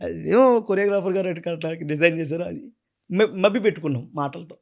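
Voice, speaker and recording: A man, an actor chatting as an interview guest, telling lively stories. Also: fairly high pitch, fast, gravelly. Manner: animated storyteller, bursts into loud speech-like impressions. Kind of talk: casual interview chat with impressions.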